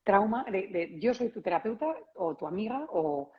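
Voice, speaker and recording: A woman's voice: medium pitch, animated, normal speed, breathy edge, narrow, tinny audio. A woman interviewing a guest over a video call, rephrasing her questions with many tag questions. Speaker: interviewer and yoga teacher.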